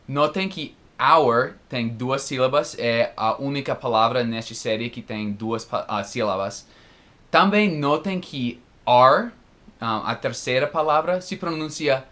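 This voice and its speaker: Slow, careful male teacher. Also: mid-range voice, animated, fairly bright tone. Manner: slow, careful, repeats words for practice. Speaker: English teacher. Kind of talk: recorded pronunciation lesson.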